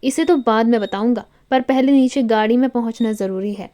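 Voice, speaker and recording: A woman voicing a calm, wealthy young husband who humors his tipsy wife in a storybook. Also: fairly high pitch, brisk, natural voice. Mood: dry. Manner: calm, dry, indulgent. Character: cool, wealthy young husband, amused and patient.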